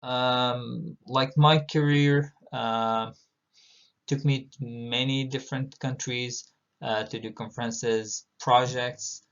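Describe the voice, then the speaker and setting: A middle-aged man from Palestine, a university instructor, giving a recorded online lecture in a measured way with many filler pauses. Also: mid-range voice, steady tone, a bit bright. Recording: dull lo-fi audio.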